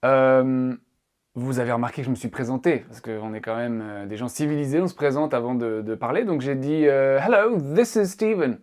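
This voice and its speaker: A man's voice: medium pitch, brisk, a little mellow, clean tone. A man teaching a casual spoken language lesson, playful and joking as he explains. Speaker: English teacher.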